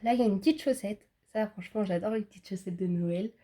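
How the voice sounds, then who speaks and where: Woman showing cards, lots of ums, husky mellow voice. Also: mid-range voice, fast talker. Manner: hesitant, describes items with many fillers. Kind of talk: casual show-and-tell.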